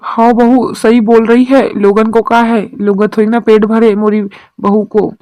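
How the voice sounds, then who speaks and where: A woman's voice: fairly high pitch, flat delivery, a little slow, warm tone, no echo, natural voice, poor audio. A woman voicing a worried rural mother-in-law in a cartoon drama, talking in a homely village dialect. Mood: indignant.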